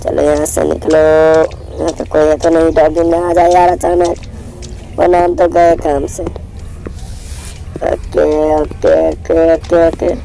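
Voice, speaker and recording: A young man, hoarse from a cold, giving jittery live commentary on a horror game, repeating words in quick bursts. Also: on the high side, monotone, dark tone, faint music behind, low-quality recording. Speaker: gaming channel host.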